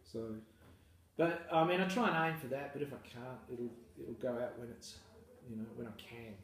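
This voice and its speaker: An Australian man, a farmer, talking casually and at length in an interview, relaxed and self-deprecating. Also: medium pitch, moderate pace. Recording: echoey room, mic far off, faint noise.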